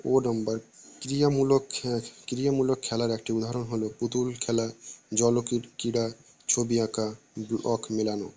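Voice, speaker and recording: A man reading exam questions and answer options aloud for students, in a steady voice with occasional restarts. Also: medium pitch, moderate pace, slight background noise. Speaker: teacher reading an exam paper.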